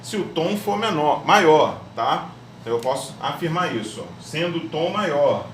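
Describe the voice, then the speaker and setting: A man's voice: on the high side, lively intonation, a little slow, distant mic. Man teaching theory in an echoey room. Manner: explains step by step, often checks with "tá ok?". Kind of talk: recorded music theory lesson. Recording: echoey room, voice off-mic, faint hum.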